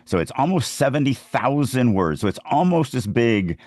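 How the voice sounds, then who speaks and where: A podcast host who is also a fantasy author and writing teacher gives writing advice in an informal, opinionated, conversational style full of anecdotes. His voice is medium-pitched and sing-song with a darkish tone, moving at a moderate pace. The recording is dry.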